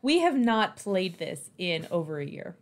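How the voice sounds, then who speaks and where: A woman's voice: lowish voice, very animated, measured pace. Woman making short teasing game remarks. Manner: brief teasing remarks, laughs. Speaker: board game streamer. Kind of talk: casual game chat.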